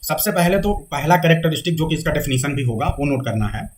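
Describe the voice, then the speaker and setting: A male literature teacher giving a classroom lecture, often checking that students follow and slowly dictating definitions for them to write down. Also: a little high, animated.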